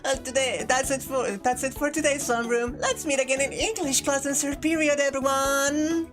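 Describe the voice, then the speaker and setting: A woman voicing a slightly unhinged, energetic female homeroom teacher from a visual novel, with a menacing edge to her cheer. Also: high voice, moderate pace, music in the background, pitched above the performer's own voice, natural voice. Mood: brisk.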